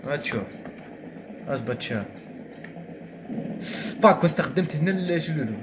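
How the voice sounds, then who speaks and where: A young man with an Algerian Arabic accent, commentating his own gameplay. He grumbles to himself and then bursts into excited shouts. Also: fairly high pitch, brisk, noisy background. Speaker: gaming streamer.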